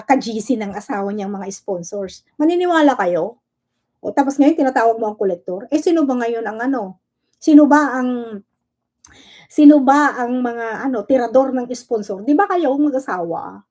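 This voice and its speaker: A woman's voice: fairly high pitch, expressive, brisk, dark tone. A woman hosting her own livestream, ranting sarcastically at a rival and firing off rhetorical questions, with English words mixed into her talk. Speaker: livestream host. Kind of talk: casual livestream rant.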